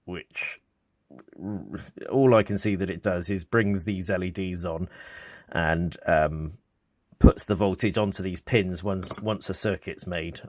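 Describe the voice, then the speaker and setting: A British hobbyist repair presenter with a low, steady voice talks a little slowly in a small indoor office. He gives a casual, unscripted hands-on demonstration, thinking aloud hesitantly.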